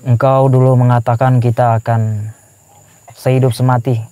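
A man's voice: medium pitch, level tone, moderate pace, mellow, no room sound, natural voice. A man voicing a newly dead man in his grave, pleading and wailing for help and forgiveness, recorded from inside a covered grave. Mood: mournful.

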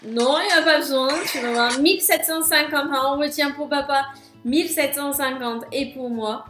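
A woman's voice: sits high, normal speed. A woman in her thirties with a French accent chatting playfully to viewers as a vlog host, often breaking into stifled giggles. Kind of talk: playful casual chat to viewers. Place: small room at home, indoors. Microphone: camera a short distance away. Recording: echoey room with loud music.

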